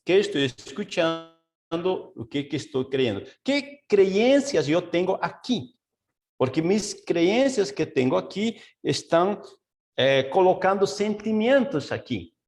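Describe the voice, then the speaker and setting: On a video call, a man acting as pastor leads a Bible study, blending Portuguese and Spanish as he speaks slowly and searchingly, full of fillers and side remarks. His voice sits high, with a sing-song, slightly mellow quality.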